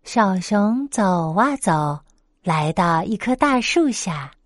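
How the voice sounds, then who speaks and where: A slow, lively bedtime storyteller woman. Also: medium pitch, no echo, studio quality. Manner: slow, gentle and expressive.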